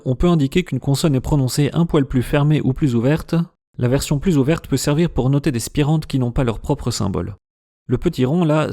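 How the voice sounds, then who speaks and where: A man's voice: mid-range voice, warm tone. A man giving a casual lesson and sounding out consonants to demonstrate them. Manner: demonstrating speech sounds aloud. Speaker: language teacher.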